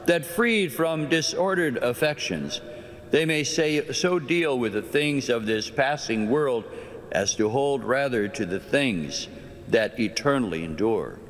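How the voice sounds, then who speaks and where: A male priest at Mass, intoning prayers in a slow, measured cadence. His voice sits at an ordinary middle pitch. Each phrase rings out with a cathedral echo, trailing into the long reverb of a large stone interior. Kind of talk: solemn liturgical prayer.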